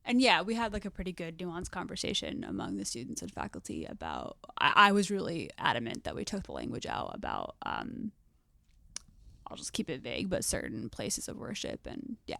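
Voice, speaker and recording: Brief: young woman, podcast co-host, casual chatty talk, vocal fry. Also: low voice, wildly swooping pitch, bright, forceful tone, dry recording. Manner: chatty, quick to laugh. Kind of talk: casual chat.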